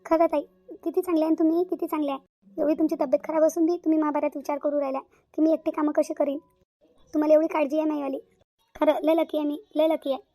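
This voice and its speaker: A woman's voice: high-pitched, level tone, fast, mellow, dry recording. A woman voicing an affectionate elder sister-in-law in a cartoon, with a fond, coaxing manner. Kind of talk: cartoon voice acting.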